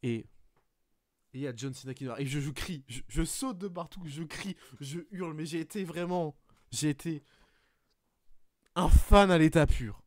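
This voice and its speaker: A man hosting a podcast, swearing often as he retells a wrestling match in an animated play-by-play. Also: on the high side, normal speed, pauses often, no room sound. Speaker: podcast host. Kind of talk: casual podcast chat, excited match recap.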